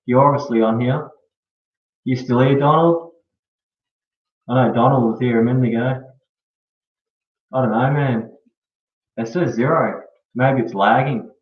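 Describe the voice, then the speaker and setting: Far from the microphone in a dull, reverberant room, an Australian man talks casually on a live stream. His medium-pitched voice moves slowly with frequent pauses, and his slangy, easygoing lines often end in "eh" or "bro."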